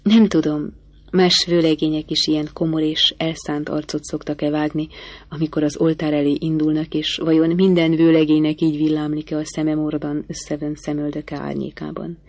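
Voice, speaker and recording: Low-voiced woman narrating a novel. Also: level tone, a little mellow, dry recording. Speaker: audiobook narrator. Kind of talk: first-person literary narration.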